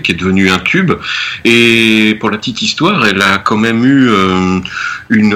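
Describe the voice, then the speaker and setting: Radio guy telling a singer's story, husky bright voice, laid back. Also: lowish voice. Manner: easygoing, self-mocking, stumbling over names. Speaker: radio co-presenter. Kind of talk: casual radio presentation. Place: radio studio.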